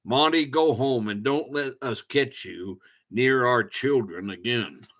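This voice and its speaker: A man's voice: mid-range voice, slow pace, a bit bright. Queen bee mother, stern and dismissive, storybook character, read by a man.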